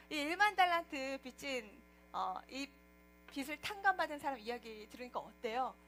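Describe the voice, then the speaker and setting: A woman preacher telling a Bible story to children in a lively way, often asking them questions. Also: sits high. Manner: animated, asks the children questions.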